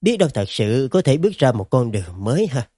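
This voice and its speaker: A man playing a dead cultivator in a storybook, low murmuring, wry and reflective, mellow tone. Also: sing-song, quick pace, no echo, studio quality. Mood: wry musing. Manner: quiet, musing murmur.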